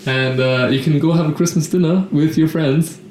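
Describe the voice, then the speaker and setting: A young man hosts a casual podcast and often hesitates with fillers. His voice sits slightly high. The room is echoey and has a faint noise behind him. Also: fairly even intonation, moderate pace, darkish tone. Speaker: podcast host.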